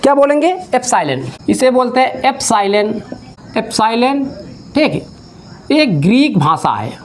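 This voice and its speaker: A man whose very high voice swings widely in pitch teaches maths in a classroom-style lecture. He goes slowly, step by step, asking and answering his own questions and repeating key terms.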